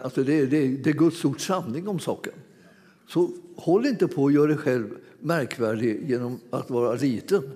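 A man's voice: on the high side, mellow. A man preaching a sermon, telling a story in a chatty, laughing way with many restarts. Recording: hall reverb.

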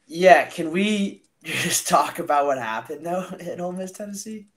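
A man's voice: on the high side, animated, moderate pace. Chatty man leading sports podcast talk. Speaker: podcast co-host. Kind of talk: casual sports chat.

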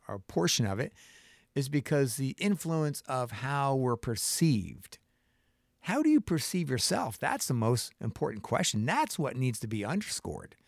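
A man's voice: mid-range voice, dry recording, studio quality. A middle-aged man hosting his own show in a casual solo monologue, impassioned, full of restarts and rhetorical questions. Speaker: show host.

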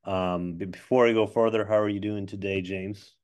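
A man hosting a podcast in casual chat, halting and self-deprecating as he talks. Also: lowish voice, steady tone, a little mellow, clean tone. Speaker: podcast host. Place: office. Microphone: not his regular microphone.

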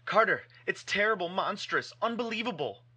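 A man's voice: lively intonation, moderate pace, bright, forceful tone, husky, full character voice. A man doing a terrified man pleading from a crypt. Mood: horrified. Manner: frantic, high, strained cries.

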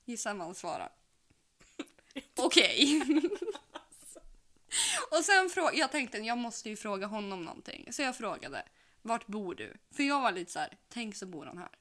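A young woman in casual chat, acting out both sides of a chat story with a quick, giggly delivery. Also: medium pitch, big pitch swings, fairly bright tone. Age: young adult.

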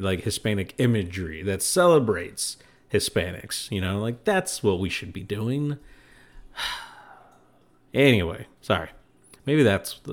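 A man with a slightly low voice hosts a solo podcast. He rambles from one thought to the next, mocks himself and laughs at his own jokes. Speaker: podcast host. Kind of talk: casual solo podcast monologue.

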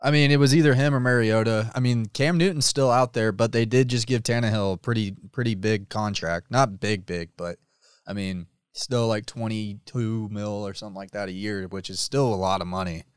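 A man's voice: fairly low pitch, steady tone, moderate pace, clean tone, no echo, studio quality. A laid-back man co-hosting a casual sports talk show, agreeable and informative.

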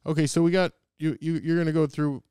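A man's voice: fairly high pitch, flat delivery, fast talker, mellow, smooth, dry recording. A man co-hosting a podcast, chatting casually and making self-deprecating jokes into a close studio mic. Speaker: podcast co-host. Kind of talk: casual chat.

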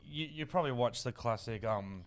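A man's voice: medium pitch, a little fast. A man with an Australian accent chatting casually, telling stories in a slangy, blokey, rambling way. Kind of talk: casual banter and storytelling.

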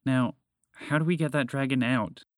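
A man voicing a grown-up mother who speaks in a calm, matter-of-fact way in a children's story. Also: medium pitch, moderate pace, no room sound, studio quality, voice pushed up, lightly acted. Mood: steady.

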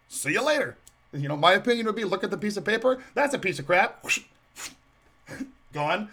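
A man delivers a solo podcast rant in a high, gravelly voice. He mocks and scoffs, circling back with many restarts. The sarcasm never lets up. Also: expressive, normal speed, a bit bright. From Canadian prairies. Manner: sarcastic and mocking, rambling with restarts. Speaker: podcast host.

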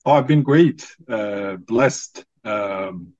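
A man in his forties from Morocco, a native Arabic speaker, introducing himself as a podcast guest in a measured way with frequent ums. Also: on the low side, darkish tone, highs cut off. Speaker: podcast guest, former student. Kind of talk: casual interview.

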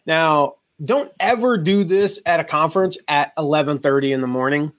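Man, forties, animated storyteller, slightly high pitch, casual interview chat. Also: normal speed. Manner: animated storyteller, acts out quoted voices. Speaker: guest, affiliate marketing entrepreneur.

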